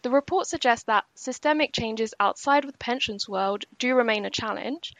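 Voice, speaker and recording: A woman co-hosts a podcast, working through a scripted roundup of pension news at a measured, explanatory pace. Her voice sits fairly high and carries a gravelly fry, and the recording is dry and close with no room sound. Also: fairly bright tone, no echo. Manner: measured and explanatory, slowing for key points. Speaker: podcast co-host.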